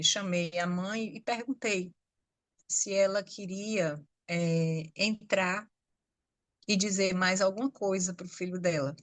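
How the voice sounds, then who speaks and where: Woman, Brazilian accent, nurse telling a story, reflective, pausing often, dry close mic. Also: mid-range voice, no room sound. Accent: Brazilian Portuguese. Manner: reflective, unhurried, with many pauses and "né?" tags. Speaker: nurse and healthcare worker. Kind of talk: personal storytelling on a podcast.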